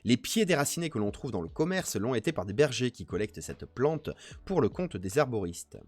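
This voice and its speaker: A man's voice: mid-range voice, sing-song, a little fast, no room sound. A French man streaming, reading a botany text aloud and chatting with viewers, joking between passages. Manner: reads text aloud then jokes and chats with viewers. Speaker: Twitch streamer doing a nature press review. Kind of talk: casual live-stream reading and commentary.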